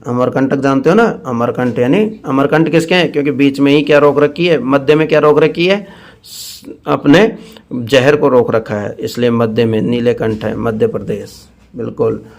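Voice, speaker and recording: A male teacher leads a mnemonic classroom lesson. He fires short questions at his students and answers them himself, stretching the answer words out slowly. His voice sits at an ordinary middle pitch. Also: gravelly. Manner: call-and-response questioning, drawn-out repeated answers.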